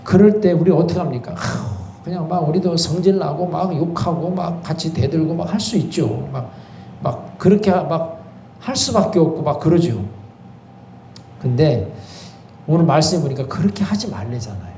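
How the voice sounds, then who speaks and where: A man's voice: a little high, expressive, normal speed, mellow, roomy sound, slight background noise. A male pastor giving an early-morning sermon, asking rhetorical questions, affirming with repeated "yes", and breaking into fervent prayer. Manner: rises into fervent spoken prayer. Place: church sanctuary.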